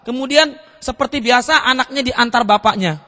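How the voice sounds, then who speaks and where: A man preaching a seminar sermon, pitched high with a bright, forceful tone. He keeps the audience involved by asking rhetorical questions as he tells his story. Long reverb from the hall trails behind his voice. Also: moderate pace. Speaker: pastor.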